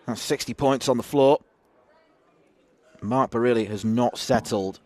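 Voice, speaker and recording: A man's voice: medium pitch, measured pace, a little mellow. A man giving live darts commentary in a conversational way, with wry observations.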